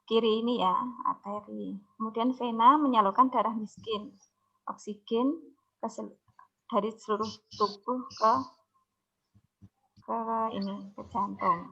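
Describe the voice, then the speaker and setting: A woman's voice: medium pitch, vocal fry, sharp tone, lo-fi sound. A woman science teacher giving an online exam review lesson, explaining step by step, repeating key words and checking in with her students. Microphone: video call.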